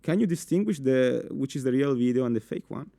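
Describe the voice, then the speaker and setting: Speaking briskly with vocal fry in a mid-range voice, this young Italian-accented conference speaker addresses a packed room. He's animated, poses questions to the audience, and stumbles through many fillers and restarts; the recording has no room sound.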